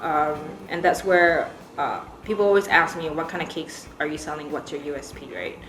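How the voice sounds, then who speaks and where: A young woman with a low-pitched voice talks at normal speed. The Singaporean baker, American-accented, answers interview questions chattily with lots of ums and quick laughs, while music sounds behind her in an echoey space.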